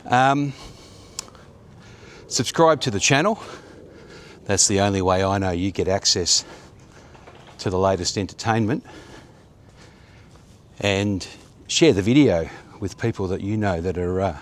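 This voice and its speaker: Strolling down a sunny, quiet suburban street, a fifties-aged Australian man talks to the phone or action camera he holds at arm's length. His low voice has lively intonation, and he speaks unhurriedly with long pauses, rambling and full of fillers.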